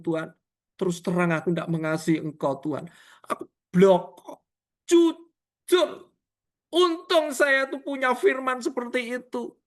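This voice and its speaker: Male evangelist, middle-aged; emotive sermon over video call, pitch leaps from hush to near shout. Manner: swings widely in pitch and loudness, rising to near shouts and dropping to hushed asides; acts out prayers and quoted dialogue, addresses listeners as "Saudara". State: tearful when recalling prayer. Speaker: evangelist preacher.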